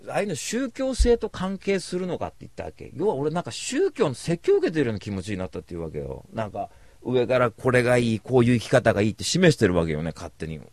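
A man's voice: medium pitch, sing-song, fast talker, few pauses, darkish tone, no echo. A man rambling through a casual storytelling monologue, blunt and slangy, calling himself a cynic. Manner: slangy rough speech.

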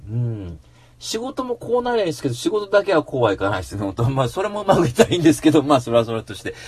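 A man hosting a radio show in a casual rambling monologue, slangy and animated, breaking into mock-angry rants. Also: on the high side, very fast, breathy edge.

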